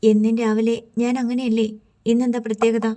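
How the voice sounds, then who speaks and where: A woman's voice: on the high side, little pitch movement, a little fast, dark tone, natural voice. A woman voicing an irritable young man, woken from sleep, who answers in short, sulky replies.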